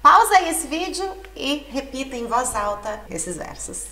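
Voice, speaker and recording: A woman teaching an Italian lesson to Portuguese speakers, explaining patiently and reading lyric lines aloud slowly. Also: high voice, big pitch swings, pushed and bright, slight background noise. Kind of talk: language lesson. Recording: echoey room, mic at a distance.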